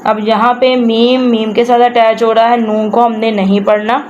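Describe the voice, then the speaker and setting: A woman teaching a word-by-word Quran recitation lesson, reciting slowly in drawn-out phrases and explaining pronunciation rules more quickly and softly. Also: on the high side, level tone. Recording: dull lo-fi recording with faint background noise.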